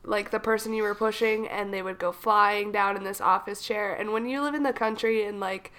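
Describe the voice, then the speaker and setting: Sounding slightly froggy because of a cold, a young adult woman co-hosts a relaxed chat podcast and tells rambling stories. She speaks in a pushed, bright, mid-range voice.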